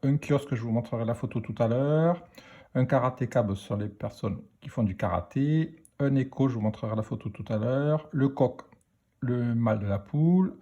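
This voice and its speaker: A man teaching a phonics lesson to children, speaking slowly and deliberately as he spells out letters and sounds. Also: medium pitch, dark tone, dull audio.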